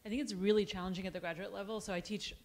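A woman speaking as a panelist in a conference room through a handheld mic, talking quickly and casually with laughing asides. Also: medium pitch, fairly even intonation, a little mellow. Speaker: panelist, seminar teacher. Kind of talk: panel discussion.

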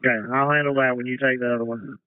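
Man, battalion officer on a two-way radio, brisk procedural calls, tinny, dry and crisp. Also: mid-range voice, level tone, dry recording. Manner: brisk, procedural call-and-response. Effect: two-way radio transmission. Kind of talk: terse fire radio traffic.

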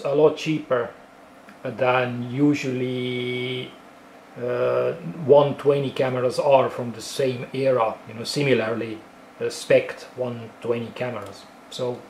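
A film photography hobbyist with an Estonian accent casually walks through film cameras in a tutorial, explaining step by step with lots of fillers and restarts. His mid-range voice is a little mellow, recorded in an echoey room with slight background noise.

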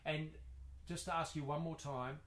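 A mid-pitched voice conducts a casual, family-style interview. The speaker asks questions attentively and repeats answers back. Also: steady tone, normal speed, a bit bright. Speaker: interviewer, grandchild of the guest.

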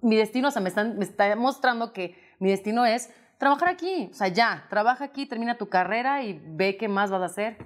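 A woman from Mexico with a Mexican accent, a guest in a casual interview, telling lively anecdotes and acting out quotes. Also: fairly high pitch, a little fast, hardly any pauses. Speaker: interview guest, singer and actress.

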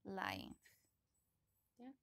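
A woman's voice: very slow, bright, forceful tone. A woman teaching an online class, patiently prompting her students and coaxing them to answer. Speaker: English teacher.

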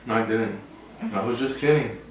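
A man's voice: medium pitch, moderate pace. A young man chatting casually in a teasing, boastful way during a food challenge. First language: bilingual English and Spanish. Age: young adult. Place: small bedroom, sitting on a bed. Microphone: camera a few feet away. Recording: very echoey bedroom, distant mic, faint noise.

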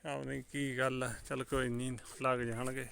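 A man's voice: mid-range voice, flat delivery, moderate pace, creaky, heavy background noise. A man in a casual vlog, coaxing his pigeons with repeated calls and talking to viewers. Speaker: vlogger. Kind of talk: casual vlog narration while handling pigeons.

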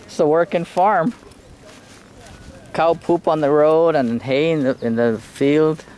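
A man's voice: on the high side, slow. A man filming his island tour, exclaiming at the sights in casual running commentary on a handheld camera mic outdoors. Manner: excited, exclaiming at the views. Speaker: travel vlogger filming a tour. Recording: loud outdoor noise, wind and traffic.

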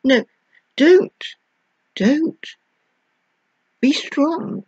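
A woman's voice: high voice, expressive, drawn-out words, a little mellow, no echo. An older woman from the United Kingdom, a former nurse, giving advice straight to the viewer in a theatrical, emphatic way, sometimes mimicking tearful voices. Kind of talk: direct-to-camera advice monologue. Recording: dull lo-fi dry recording.

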